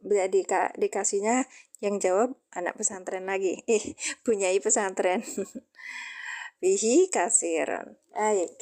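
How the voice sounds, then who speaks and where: A woman's voice: medium pitch, slow, long pauses, a little mellow. A woman teaching Quranic Arabic grammar in a casual livestream, chatting with viewers' comments.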